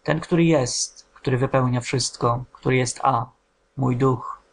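A man's voice: mid-range voice, unhurried, creaky. A man reading a dazed woman medium in trance. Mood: entranced. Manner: flat, toneless, distant.

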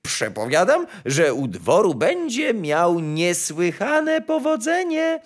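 A man's voice: high voice, wildly swooping pitch, takes it slowly, voice pushed up, heavily acted. A man voicing a fussy, pompous court chamberlain in a storybook reading, raised and fawning.

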